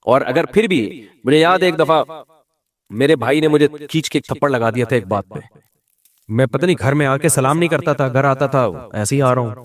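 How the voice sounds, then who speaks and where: A middle-aged man with a Pakistani Urdu accent, giving informal religious advice on raising children, telling stories with joking asides and rhetorical questions. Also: mid-range voice. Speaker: Islamic scholar giving advice.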